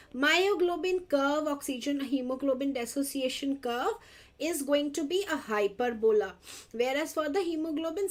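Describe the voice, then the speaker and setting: A woman with a North Indian accent lecturing exam students, switching between Hindi and English, addressing them directly and repeating key points. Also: high voice. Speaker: lecturer for dental entrance exam. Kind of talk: interactive exam-review lecture.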